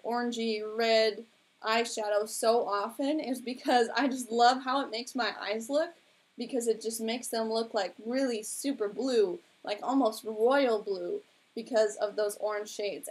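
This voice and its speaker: A young woman chatting casually on her own live stream, rambling along with lots of filler words. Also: fairly high pitch. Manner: chatty and rambling, heavy use of "like". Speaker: beauty vlogger hosting a live stream. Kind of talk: casual live-stream chat about makeup.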